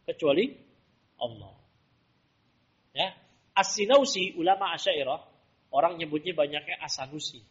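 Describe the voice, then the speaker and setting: A man teaches a religious class, checking his students with question after question. His voice sits high and a little husky. The recording is dull and lo-fi. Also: animated, normal speed, pauses often. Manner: quizzing students with rhetorical questions. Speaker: Islamic teacher.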